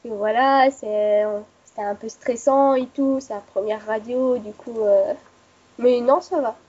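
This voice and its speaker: A woman's voice: a little high, fairly even intonation, measured pace, a little mellow. A young woman, new to the radio team, answering questions hesitantly with many fillers. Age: young adult. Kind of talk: casual interview. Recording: dull lo-fi online audio.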